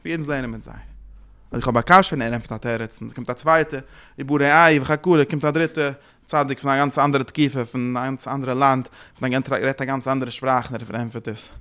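Fast-talking man giving religious teaching. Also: mid-range voice, clear, resonant tone. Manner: lively, mixes Yiddish and English into his talk.

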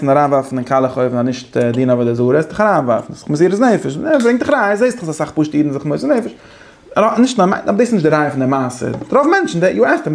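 Male teacher, gravelly, slightly high voice, halting and animated, casual lecture. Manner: halting, restarts, animated, laughs often. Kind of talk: casual lecture mixing languages.

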